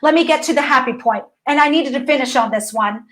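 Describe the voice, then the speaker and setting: A woman dance physical therapist teaching an online course lesson in a casual, animated way, talking straight to viewers and often restarting her sentences. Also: sits high, quick pace, poor audio. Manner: reads messages aloud.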